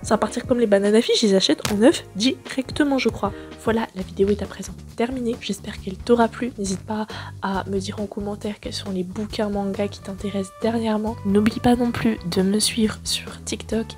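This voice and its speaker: A woman in her twenties hosting a casual, slangy chat about new manga releases, full of fillers and excitement. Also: mid-range voice, fairly quick, faint music behind. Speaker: manga booktuber host.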